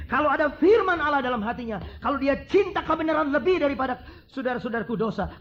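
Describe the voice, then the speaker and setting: A middle-aged preacher with a high voice tells stories from the pulpit, dropping to hushed asides before he climbs into fervent repetition. The recording is somewhat dull, with faint noise underneath. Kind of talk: sermon.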